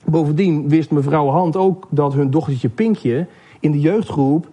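Husky-voiced man teaching and reading. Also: fairly high pitch, unhurried, warm tone. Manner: hesitant, many fillers and restarts. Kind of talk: casual teaching, then reading a parable aloud.

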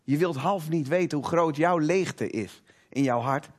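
A man with a notably high voice preaching a sermon to a congregation. He talks emphatically, lingers on the words he wants to stress, and keeps drawing the room in with questions. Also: a little slow. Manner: engaging, asks the audience rhetorical questions.

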